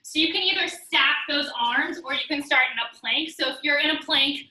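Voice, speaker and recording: A young woman leads a guided workout class, counting down each set and cueing form while she does the moves herself. Her voice is very bright and sits high. She sounds set back from the mic in a roomy space. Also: normal speed, far from the mic. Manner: steady counting cues, instructive while exercising. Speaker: fitness instructor.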